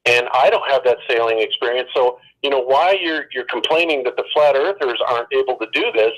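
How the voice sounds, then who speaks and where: Measured man explaining over the phone. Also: mid-range voice, fairly bright tone, lo-fi sound. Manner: measured, explanatory, many ums. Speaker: phone guest.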